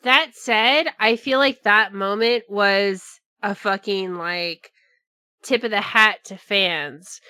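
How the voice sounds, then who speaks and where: A woman's voice: medium pitch, slow, bright, forceful tone, no room sound, clean studio sound. A woman in casual chat as a podcast co-host, talking emphatically and swearing freely.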